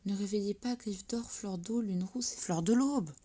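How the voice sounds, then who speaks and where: A woman doing a hushing young she-cat. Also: medium pitch, normal speed, natural voice. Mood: scolding. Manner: hushed, scolding whisper. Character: young she-cat, cautious best friend.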